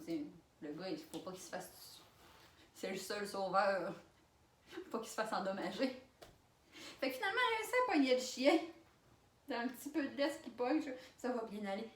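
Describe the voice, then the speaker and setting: A young woman with a Quebec accent does a storytime vlog alone in a room, animated and laughing, with loud exclamations. Her voice is mid-range. The camera mic sits at a distance, giving roomy sound with slight background noise.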